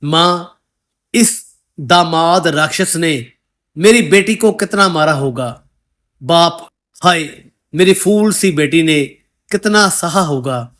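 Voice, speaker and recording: A bereaved mother wailing at the neighbours for their silence, read by a man narrating a storybook. Her lament is delivered slowly and evenly in a slightly raised voice. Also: fairly high pitch, a bit bright. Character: grieving mother of a murdered daughter, wailing.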